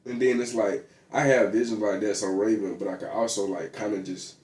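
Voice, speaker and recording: A man's voice: fairly low pitch, steady tone, fairly quick, darkish tone. A man vlogging in a casual, rambling monologue, full of slang, fillers and restarts. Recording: echoey room.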